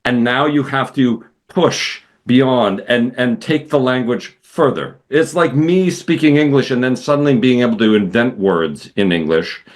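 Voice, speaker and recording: A man hosting a music interview, talking in a playful, expressive way and drifting into little voices and analogies. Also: medium pitch, a little slow, few pauses. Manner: expressive, playful, breaks into impressions. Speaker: interview host. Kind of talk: casual interview conversation.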